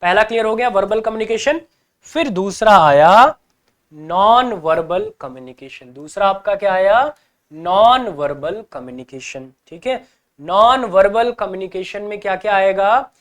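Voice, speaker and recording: Guy teaching exam prep, highish voice, keeps asking the class questions and acting out little scenes. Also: animated, normal speed, a bit bright. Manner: explains with rhetorical questions and acted everyday examples.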